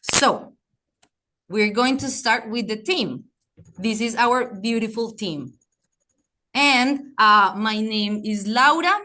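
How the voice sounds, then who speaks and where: A woman's voice: fairly high pitch, takes it slowly, long pauses, bright, forceful tone. A young woman from Colombia, a graduate mentor presenting a workshop in a chatty way, often searching for words. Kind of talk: workshop presentation over video call.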